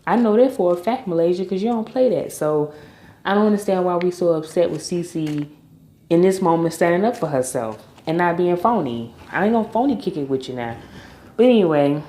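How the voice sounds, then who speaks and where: A woman's voice: lowish voice, warm tone, reverberant. A woman recapping a reality TV episode in a chatty, opinionated way with informal slang. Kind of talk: casual recap commentary.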